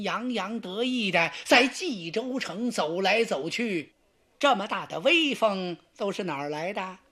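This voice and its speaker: Dramatic storyteller, wildly animated pitch. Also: husky. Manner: dramatic, lively, sound effects. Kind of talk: traditional storytelling. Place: radio studio.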